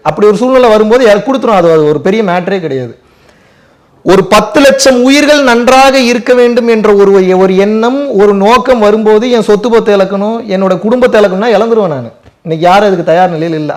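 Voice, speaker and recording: A man answering audience questions in a spiritual talk, driving his points home with rhetorical questions and emphatic repetition. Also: high-pitched.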